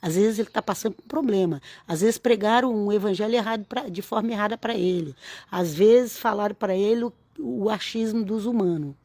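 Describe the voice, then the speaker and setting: Woman vlogger, mid-pitched, exhorting, dry close sound. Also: creaky, mellow, no echo. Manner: earnest, exhorting, repeats phrases for emphasis. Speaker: religious vlogger. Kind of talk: informal preaching to camera.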